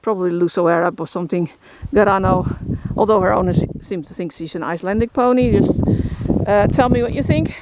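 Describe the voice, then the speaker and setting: A brisk, mid-range female voice with a Dutch accent belongs to a horse shelter keeper from the Netherlands. In a casual vlog walkthrough outdoors in a rural field, she talks about her horses in a rambling way, using many fillers and restarts, with crickets and outdoor noise audible behind.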